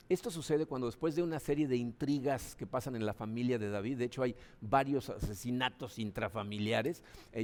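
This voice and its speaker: A man, a Mexican pastor, preaching a sermon in a conversational way, often tagging his sentences with a questioning "no?". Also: darkish tone. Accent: Mexican Spanish. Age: adult, father of children. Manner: conversational preaching, frequent "¿no?" tags; acts out voices with sudden high pitch jumps.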